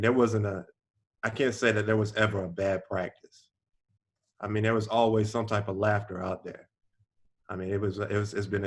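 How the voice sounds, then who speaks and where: A man with a fairly low voice looks back on old times over a video call. He speaks emphatically and drives each point home by repeating it. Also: darkish tone. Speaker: former player on a team reunion call. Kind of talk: casual reminiscing.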